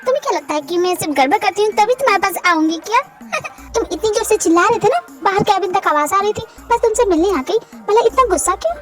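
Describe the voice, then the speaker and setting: A woman's voice: very high-pitched, animated, quick pace, few pauses. A woman voicing a cheeky, scheming young wife in an amateur fan dub, sounding playful and teasing. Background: loud background music.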